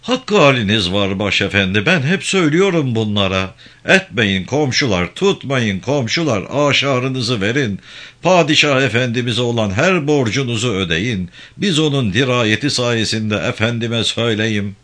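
A man's voice: mid-range voice, moderate pace, voice pushed up, close to an everyday voice. A man putting on a stammering, fawning village imam. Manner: stammering, obsequious, flattering.

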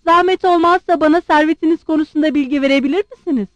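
A woman reading aloud and voicing a proud, blunt young woman who questions her suitor sharply and quickly. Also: sits high, no room sound, voice pushed up, natural voice. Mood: sharp demanding.

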